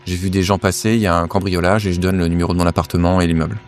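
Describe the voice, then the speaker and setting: Deep-voiced man, halting role-play. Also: flat delivery, faint music behind. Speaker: tabletop role-play player. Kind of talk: casual improvised role-play.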